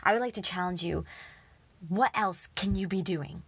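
Young woman doing a pep talk, kinda low voice, dry close sound, drops to whispers to make a point. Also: moderate pace, gravelly, breathy edge, no room sound. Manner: earnest, animated, drops to whispers for emphasis. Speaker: motivational speaker. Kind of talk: casual motivational talk.

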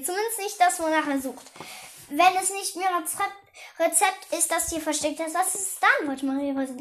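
A woman's voice: very high voice, pushed and bright. A young woman reading a children's detective story aloud, with frequent slips and restarts, giving the characters light voices. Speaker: reader.

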